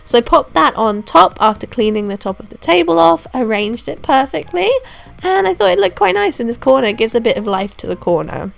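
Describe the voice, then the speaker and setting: A young woman who runs a home renovation vlog narrates a casual DIY voiceover, her slightly high voice hoarse and gravelly from a throat infection. She talks briskly, chatty and relaxed, poking fun at herself over soft background music.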